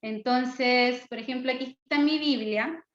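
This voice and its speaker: A woman's voice: high voice, a little slow, reverberant, dull audio. A Chilean woman in her thirties, from the south of the country, introducing herself earnestly as a missionary Bible teacher in an online class. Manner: earnest, enthusiastic, fervent.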